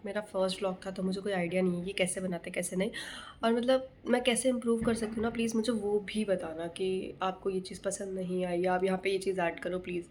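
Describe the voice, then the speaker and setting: A woman with a hoarse throat chatting candidly in a casual vlog, worn out and self-critical, filmed on a handheld phone at home and on a rooftop at night. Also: mid-range voice, steady tone, quick pace, rough recording. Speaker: vlogger. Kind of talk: casual festive vlog chat. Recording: loud firecracker bangs and street noise. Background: firecrackers bursting.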